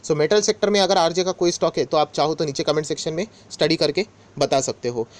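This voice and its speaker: A man's voice: a little high, fast. Chatty man explaining markets to viewers. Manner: conversational, mixes English words into Hindi, repeats filler phrases; addresses viewers directly as friends. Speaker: stock market YouTuber. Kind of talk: casual explainer talk to viewers.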